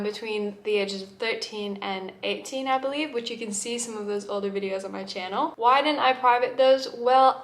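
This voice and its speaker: A vlogger in her twenties, who grew up in the UK and the Middle East, speaks in a fairly bright, high-ish voice with a mixed American accent carrying shifting traces. She's giving an upbeat, chatty vlog intro to a camera in front of her in a home room with plants, firing off strings of rhetorical questions.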